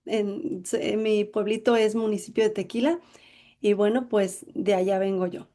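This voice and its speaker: A woman's voice: medium pitch, steady tone, a little slow, dark tone. A middle-aged woman from Jalisco with a Mexican accent, a coach telling her life story in an interview with many "bueno, pues" fillers. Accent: Mexican Spanish. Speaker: interview guest, emotional intelligence coach.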